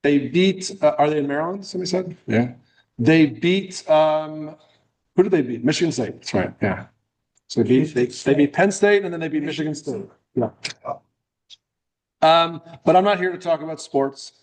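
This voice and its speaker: The guest speaker at this club meeting, a middle-aged man from New England, USA, jokes in a friendly way in a meeting room, his talk loose and full of restarts. His voice sits on the high side, darkish in tone, at a moderate pace.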